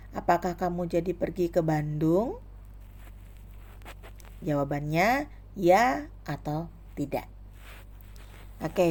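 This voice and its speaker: A woman's voice: mid-range voice, darkish tone. A young adult woman teaching a grammar lesson, listing examples one by one.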